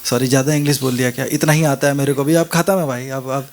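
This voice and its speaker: A man's voice: mid-range voice, fairly even intonation, very fast, darkish tone. A man hosting an open mic event with a Hindi accent, joking with the audience and mixing in English. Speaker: event host. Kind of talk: casual stage hosting.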